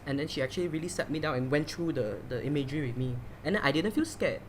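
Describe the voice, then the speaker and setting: Background noise accompanies a Malaysian podcast host as he chats casually in a somewhat high voice, talking fast. He keeps restarting sentences and leans heavily on fillers in this loose, interview-style conversation.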